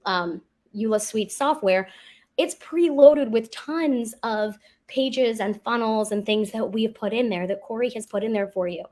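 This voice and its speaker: A woman teaching online marketing on a live video call, energetic and full of rhetorical questions. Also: medium pitch.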